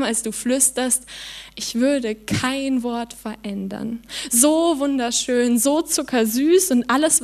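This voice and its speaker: A young woman performing her own melancholic spoken word poem on stage, soft and slowing down on the repeated refrains. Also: a little high. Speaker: poetry slam performer.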